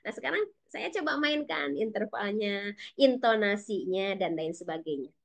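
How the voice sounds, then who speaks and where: A woman from West Java with a Sundanese-tinged accent. She gives a lively webinar lecture to teachers, talking fast and animated and addressing her listeners directly over a video call mic. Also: medium pitch. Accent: Sundanese-influenced Indonesian. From West Java, Indonesia (Sundanese). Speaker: teacher educator speaking at a webinar.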